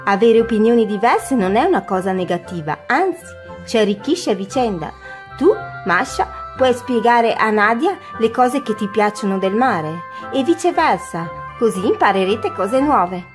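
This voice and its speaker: A woman playing a kind, patient grandmother who tells a fable and teaches gently. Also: on the high side, sing-song, normal speed, over music. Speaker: storyteller. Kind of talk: web series doll sitcom acting.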